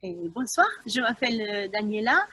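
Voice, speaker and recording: A middle-aged Italian woman with a foreign accent, giving a spontaneous testimonial in halting, non-native speech and searching for words. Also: fairly high pitch, lively intonation, pushed and bright, no room sound, low-quality recording. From Italy.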